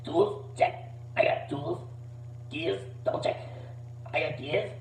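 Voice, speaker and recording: A man voicing a scheming, frantic little cartoon bat henchman in a guttural, breathy rasp. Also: takes it slowly, a little mellow, slight background noise. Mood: frantic, busy. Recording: roomy, distant, dull low-fidelity mic.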